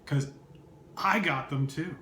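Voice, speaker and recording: A man's voice: on the high side, slow, bright, forceful tone. A man co-hosting a casual chat, teasing his friend with dry interjections. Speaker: podcast co-host. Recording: echoey room with faint background noise.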